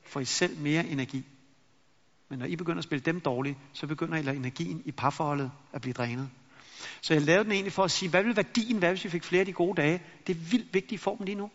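Lively man giving a talk in a hall. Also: on the high side. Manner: lively storyteller who acts out anecdotes. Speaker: motivational speaker. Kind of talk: motivational talk to an audience. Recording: long reverb in a hall, dull lo-fi sound.

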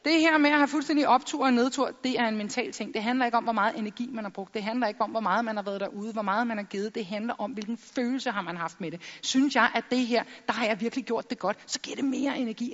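A woman in middle age tells stories on stage with quick humour, acting out the voices of the people she quotes. Her voice sits high, and it carries into a large hall with a long echo. The sound is a bit dull, as if from a plain stage microphone. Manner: lively storytelling with jokes and acted-out quotes. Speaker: public speaker. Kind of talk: stage talk.

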